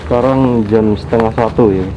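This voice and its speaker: A man's voice: lowish voice, moderate pace. A man talking casually while vlogging a night exploration of an abandoned place. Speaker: ghost-hunting vlogger. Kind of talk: casual exploration vlog chat. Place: abandoned old house and well at night. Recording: muffled lo-fi, noisy outdoor night ambience.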